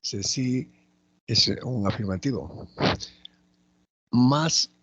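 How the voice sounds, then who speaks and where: A man teaching a spelling lesson, slowly and methodically going through each word and repeating it aloud. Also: lowish voice, slightly rough, no room sound. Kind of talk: spelling lesson, explaining accent marks.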